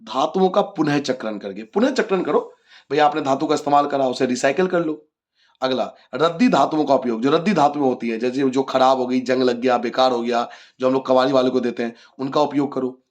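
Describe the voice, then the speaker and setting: A man's voice: mid-range voice, brisk. A man teaching a class 10 geography lesson, asking his own questions and answering them, repeating the key points for his students. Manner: addresses students as children.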